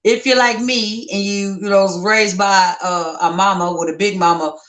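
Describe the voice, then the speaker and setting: A woman's voice: medium pitch, steady tone, fairly bright tone. Folksy fifty-something woman in a roomy echo. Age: 50s. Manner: folksy, self-deprecating, drawn-out phrasing. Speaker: podcast co-host. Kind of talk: casual podcast chat.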